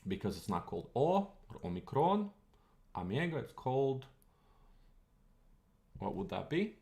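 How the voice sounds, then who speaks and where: A man's voice: medium pitch, very animated, a little slow, creaky, warm tone. A man whose first language is Croatian, giving a chatty, digressive live-stream lecture on language history and thinking aloud as he goes. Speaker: streamer teaching linguistics.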